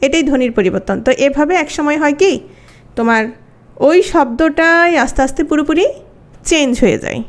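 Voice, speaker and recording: A woman's voice: high-pitched, expressive, moderate pace, pauses often. A woman teacher, giving an exam-prep grammar lesson and asking her students questions as she explains.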